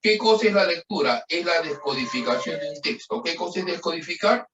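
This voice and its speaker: A man's voice: on the high side, lo-fi sound, background noise. A man with a Chilean accent teaching an online class, explaining patiently and checking in with frequent questions. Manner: drills answers in slow, even call-and-response. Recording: roomy, distant from the mic.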